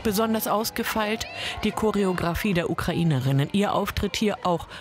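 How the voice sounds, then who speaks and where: A reporter giving voice-over narration for a news feature in a lively, descriptive way. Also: medium pitch, normal speed, over music.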